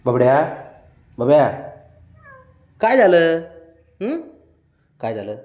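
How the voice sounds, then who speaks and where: A man chatting to his cat in a lifted, swooping baby-talk voice, coaxing and calling it again and again. He talks in an unhurried way. The room around him gives the voice a noticeable echo. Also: on the high side, wildly swooping pitch, a little mellow. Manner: coaxing, sing-song pet talk with repeated calls. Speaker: cat owner. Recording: roomy echo.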